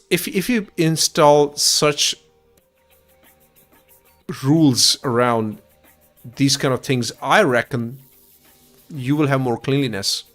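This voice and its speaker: A man's voice: mid-range voice, fairly bright tone. A man with an Indian accent hosting a call-in livestream, talking enthusiastically in casual chat with frequent restarts.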